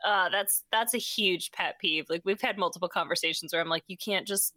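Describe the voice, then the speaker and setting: Bright-voiced young woman chatting on a podcast. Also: lowish voice, brisk, dry recording, studio quality. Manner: animated, laughs often, mimics her husband. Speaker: podcast co-host. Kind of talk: casual chat.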